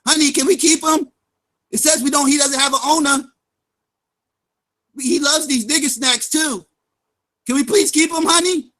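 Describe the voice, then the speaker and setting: A man's voice: very high-pitched, fairly even intonation, normal speed, long pauses, pushed and bright, pitched above the performer's own voice. A man putting on the voice of a doting pet owner who coos over a stray dog in mocking baby talk. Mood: cooing.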